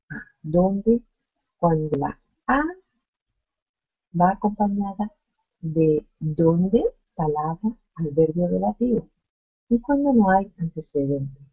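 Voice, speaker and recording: A woman teaching an online grammar lesson, explaining slowly and reading out examples one by one. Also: on the low side, slightly rough, narrow, tinny audio. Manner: slow, deliberate explaining with spoken examples. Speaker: Spanish teacher.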